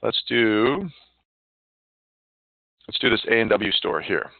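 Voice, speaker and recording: A man with a lowish, expressive voice and some vocal fry speaks slowly over a narrow, phone-like, dry line with no room sound. He's presenting a casual live software demo, staying informal and chatty and muttering to himself as he works.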